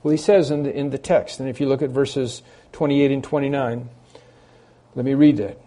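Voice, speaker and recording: A man preaching an expository sermon, reading scripture aloud slowly and repeating key phrases for emphasis. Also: medium pitch, fairly even intonation, mellow.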